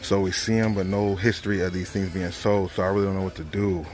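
Deep-voiced man vlogging in a store. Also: level tone, fast talker, darkish tone. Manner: casual, chatty, thinking aloud. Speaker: reselling vlogger. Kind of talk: casual shopping vlog. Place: large retail store, indoors. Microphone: handheld phone.

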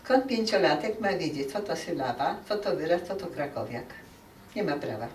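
A woman lectures a room of teachers in a lively, animated manner, slipping into quoted voices of parents and children. Her voice sits a little low for a woman. It is recorded from across an echoey hall, with faint room noise behind her. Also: moderate pace, recorded from a distance. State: dry throat.

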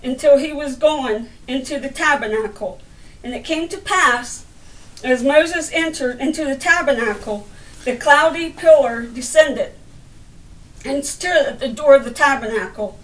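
A middle-aged woman with a high voice, a lay preacher, reads scripture aloud as a sermon in deliberate, broken phrases, stumbling over words. She's in an indoor room by a window. A camera microphone a little way off gives the recording a roomy, distant sound.

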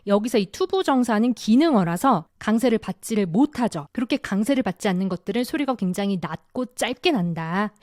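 A woman English teacher giving an online lesson, explaining patiently step by step and saying model sentences slowly. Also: medium pitch, expressive, a little mellow, no room sound, studio quality. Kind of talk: online grammar and pronunciation lesson.

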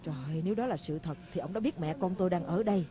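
A woman's voice: fairly low pitch, rapid-fire, natural voice. A woman dubbing a fretful single mother. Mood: worried. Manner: worried, fretful. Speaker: voice actor dubbing a drama. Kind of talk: Vietnamese dub of a Hong Kong TV drama.

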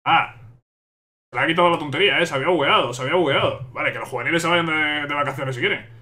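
A young man commentates live on his football management game. He gets exasperated and repeats the same questions over and over. His voice is bright and tense and sits a little high. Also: racing. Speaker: gaming YouTuber.

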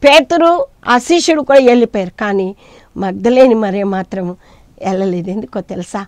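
A woman preaching a sermon who rises to loud emphatic peaks and drops to soft appeals, speaking to listeners as her beloved children. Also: medium pitch, lively intonation, normal speed, no echo.

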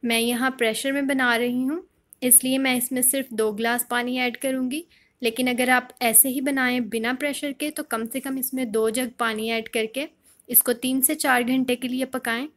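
A woman hosting a home cooking channel, calmly explaining a recipe step by step in a voice-over. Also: a little high, normal speed. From Pakistan. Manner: calm step-by-step instruction.

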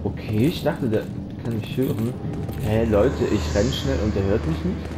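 Jumpy German gamer yelling into his mic. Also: mid-range voice, normal speed, heavy background noise. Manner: jumpy, yelps and shouts when startled; talks to game characters and viewers. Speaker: let's play commentator. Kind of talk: casual gameplay commentary. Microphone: close desk microphone.

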